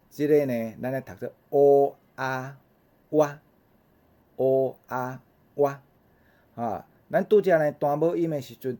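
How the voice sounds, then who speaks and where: A man with a Taiwanese accent teaching vowel sounds in a recorded lesson, repeating each sound in slow drills with frequent "ha" fillers. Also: medium pitch, dark tone. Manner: habitual "ha" fillers between drills. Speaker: language teacher.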